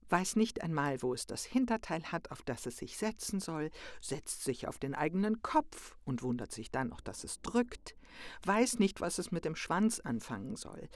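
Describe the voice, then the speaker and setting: A storyteller reading a children's tale aloud in a lively, expressive manner. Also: medium pitch, no room sound, studio quality.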